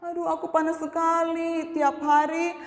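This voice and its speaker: A woman's voice: very high-pitched, little pitch movement, normal speed, pitched above the performer's own voice. A woman voicing a restless person in a children's story who keeps wishing to be something grander, whining and complaining, in an echoey chapel hall.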